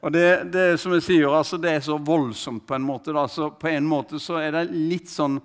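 A man's voice: fairly high pitch, fairly even intonation, clean tone. A man preaching, telling a story in a conversational, hesitant way with many fillers and restarts, and quoting the man he speaks of. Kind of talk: sermon storytelling.

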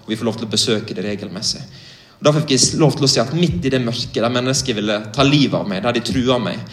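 A man's voice: medium pitch, reverberant. A young man from Norway preaching, telling a vivid, earnest story in a direct way. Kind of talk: sermon testimony.

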